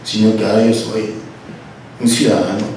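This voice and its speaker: A man leads a church Bible study, explaining in an animated, self-correcting way. His voice sits at an ordinary pitch and is picked up from a distance in a very echoey room. Faint background noise hangs under the talk. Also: normal speed.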